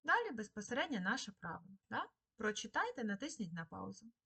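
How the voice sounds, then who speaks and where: Husky-voiced woman teaching children. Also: medium pitch, sing-song, bright, forceful tone. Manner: slow, patient dictation to children. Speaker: primary school teacher. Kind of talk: recorded remote lesson. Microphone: screen-recorded lesson.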